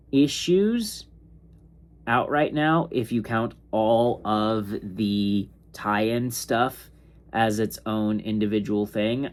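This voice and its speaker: A sleepy young man reviewing comics in a casual, rambling way, with lots of fillers and restarts. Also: fairly low pitch. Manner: slow, rambling, filler-heavy. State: sleepy, yawning. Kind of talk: casual ranking monologue.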